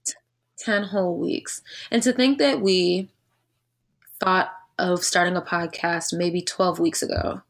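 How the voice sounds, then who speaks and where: A woman's voice: lowish voice, steady tone, measured pace, gravelly. A young woman hosting a podcast in casual chat, upbeat and slangy. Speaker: podcast host.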